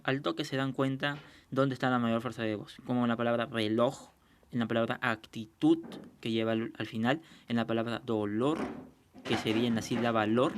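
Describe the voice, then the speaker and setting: Guy teaching a class, patient, checks in a lot, says the example words slow. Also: mid-range voice. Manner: patient, explanatory, often checks understanding; slows down to sound out example words. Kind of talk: recorded classroom lesson.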